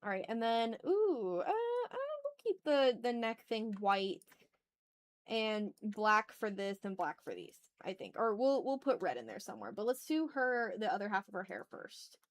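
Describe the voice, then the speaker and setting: A woman with a slightly high voice, big pitch swings and normal speed chats casually on an art livestream while she draws. She thinks aloud, makes self-deprecating remarks and swears now and then.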